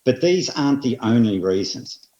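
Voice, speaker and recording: An Australian man presenting at an industry seminar, speaking in a measured way and hitting repeated phrases with emphasis. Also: mid-range voice, lively intonation, dark tone. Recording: roomy, slightly dull audio.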